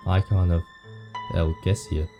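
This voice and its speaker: A man reading the lines of a weary, morbid undead painter from a visual novel, slowly and somberly. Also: low-pitched, little pitch movement, dull audio, music in the background. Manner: slow, somber reading of game text.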